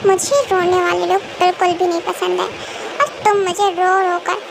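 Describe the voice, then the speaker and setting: A short-tempered young mafia king barks orders and scolds, as a woman acts him out. The voice sits high with a gravelly edge. The homemade audio drama is noisy, with faint traffic behind. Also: level tone, normal speed. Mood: irritated. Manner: scolding, impatient commands.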